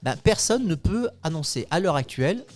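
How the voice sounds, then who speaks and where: A man's voice: fairly high pitch, normal speed, faint music behind. A man hosting a radio show in a studio, chatting casually with many fillers. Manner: lively, chatty, hesitant fillers. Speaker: radio host.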